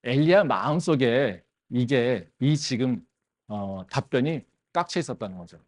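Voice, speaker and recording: A male pastor preaching to a campus congregation, and his voice rises and falls in wide, lively swings. He keeps tossing rhetorical questions to the listeners and fills the gaps with short affirming interjections. He sits at a middle pitch for a man. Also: measured pace. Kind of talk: sermon. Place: campus church service.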